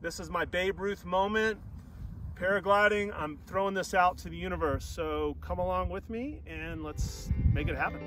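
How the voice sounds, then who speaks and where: A man's voice: high voice, normal speed, far from the mic, slight background noise, rough recording. A man in his forties, an upbeat vlog host and paraglider pilot, talking to a harness-mounted action camera in an open field. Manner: upbeat, enthusiastic, shouting to ground crew during launch. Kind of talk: casual outdoor vlog. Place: open grassy field outdoors.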